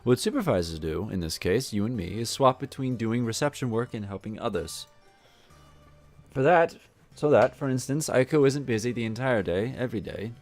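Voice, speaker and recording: A man's voice: medium pitch, animated, moderate pace, a little mellow, soft background music, close to an everyday voice. A man voicing a young female resort supervisor who explains duties in a matter-of-fact way. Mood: brisk.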